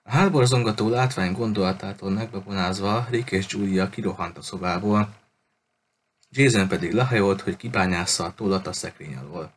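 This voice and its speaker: A man reading a novel aloud as an audiobook in a steady way, with small slips and restarts. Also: low-pitched, slight background noise. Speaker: audiobook reader. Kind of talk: audiobook narration.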